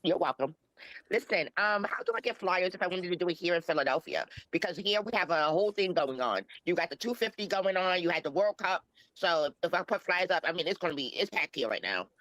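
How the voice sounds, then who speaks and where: Man, deep pitch-shifted voice changer, rambling caller, repeats himself, dry sound. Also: animated, fairly quick, pushed and bright, no room sound, poor audio. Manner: rambling and repetitive, with fillers. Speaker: caller on a livestream panel. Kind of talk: casual call-in chat.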